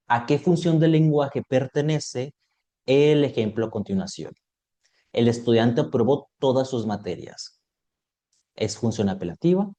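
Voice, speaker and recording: A man's voice: medium pitch, dark tone. A man teaching an online exam prep lesson, explaining topics step by step and checking in with his students.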